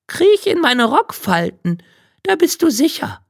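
A crafty, kindly old grandmother in a high, creaky falsetto, played by a man. She fusses in a sing-song way, and her voice swings widely up and down. It is a dry storybook reading. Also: big pitch swings, a little slow, no echo, exaggerated voice. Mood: sympathetic.

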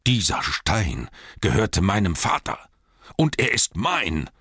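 A man's voice: on the low side, big pitch swings, moderate pace, a bit bright, no room sound, voice pushed up. A man voicing a proud, furious male dwarf king in an audiobook, bellowing and commanding, with a dry close sound. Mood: bitter. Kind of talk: audiobook character voice.

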